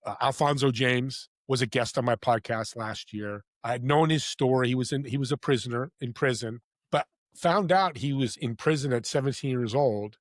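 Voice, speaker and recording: A man, a podcast guest who also hosts a podcast, telling motivational stories in an animated, heartfelt way that drops from loud emphasis to hushed quiet. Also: mid-range voice, moderate pace, no echo, clean studio sound. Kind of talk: earnest motivational storytelling.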